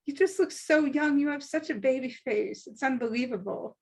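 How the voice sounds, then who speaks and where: A woman's voice: high-pitched, moderate pace, vocal fry, a little mellow, husky. A woman in her thirties hosting a casual video-call chat, earnest and often giggling as she teases. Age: 30s. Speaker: club owner and discussion host.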